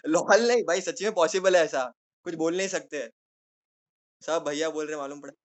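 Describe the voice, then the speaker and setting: A man's voice: a little high, normal speed. A young man teaching chemistry in a casual, playful way, repeating key words and joking with his students. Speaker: chemistry tutor. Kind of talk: casual classroom lecture.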